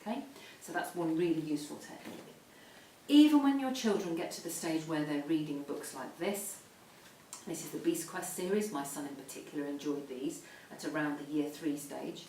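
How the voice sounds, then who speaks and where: A woman's voice: animated, moderate pace, mellow. A middle-aged woman gives an explanatory talk to parents in an instructive way, stressing key points. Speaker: reading educator advising parents. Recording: roomy echo, distant mic, faint rumbling noise.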